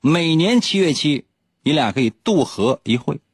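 A man voicing a stern heavenly emperor who gives curt, commanding orders, in a husky voice. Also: a little high, very animated, normal speed, dry recording, studio quality, exaggerated voice. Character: bossy heavenly emperor, stern old male ruler.

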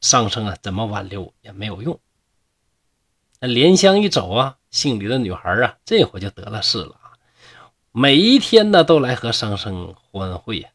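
A man with a Northeastern Chinese accent tells a classic ghost story in a chatty, joking way, often stopping for asides. His husky voice swings widely in pitch, so the telling sounds animated and playful. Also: moderate pace. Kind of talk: humorous folk tale narration.

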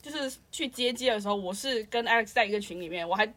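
A woman's voice: mid-range voice, quick pace, a bit bright. A woman in casual chat, ranting and slipping in English phrases. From lives in Shanghai.

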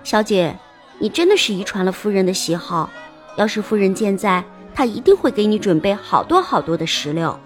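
Woman doing a timid young maidservant, high and fussing, audiobook drama. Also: sing-song, normal speed, soft background music, close to an everyday voice. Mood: concerned.

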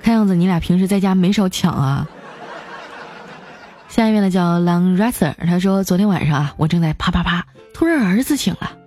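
A woman hosts a comedy segment and reads out funny messages from her listeners in a mellow, warm voice. She jumps up in pitch for the quoted lines, laughs easily, and light music plays behind her. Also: brisk. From China. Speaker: host reading listener jokes. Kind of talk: comedic joke-reading show.

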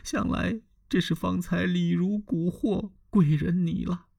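A male storyteller voicing a frightened, clever young concubine in a high, pleading, tearful voice. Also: steady tone, unhurried, vocal fry, a little mellow, no echo, clean studio sound, full character voice.

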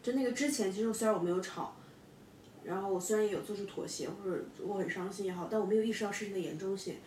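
A young woman in her twenties telling a personal story in casual podcast talk, often halting and repeating words. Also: darkish tone. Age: 20s. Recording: echoey room, distant mic, faint rumble.

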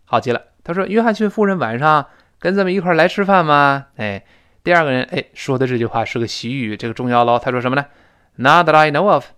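A man's voice: medium pitch, fast talker, clear, resonant tone. Man drilling English phrases. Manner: explains pronunciation in Mandarin with lively stress. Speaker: English teacher. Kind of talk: spoken English lesson.

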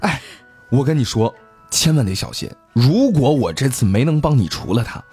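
A man's voice: mid-range voice, normal speed, slightly rough, soft background music. A man hosting a podcast, telling a ghost story in a casual, joking way with his co-hosts. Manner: lively, playful, joking with co-hosts.

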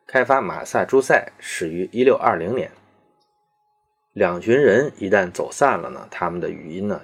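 A man giving a measured, explanatory lecture, pausing often on fillers and slowing down to demonstrate English words. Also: low-pitched, husky. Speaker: video lecturer on English accents.

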